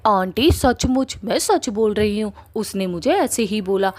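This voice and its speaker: Woman voicing a feisty, sharp-tongued young woman. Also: medium pitch, lively intonation, unhurried. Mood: complaining. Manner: blunt, scolding, threatening.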